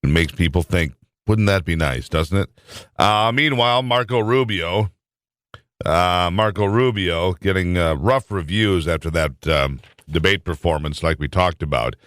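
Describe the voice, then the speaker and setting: A male talk radio host with a very deep voice, delivering the news in a relaxed, conversational monologue. He drops in dry, wry asides. The studio sound is close and completely dry. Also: a little slow, dry recording.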